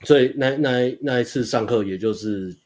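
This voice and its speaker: Over slight background noise, a young dating coach with a medium-pitched, slightly mellow voice chats casually. His story comes out fast and meandering, full of restarts and laughter.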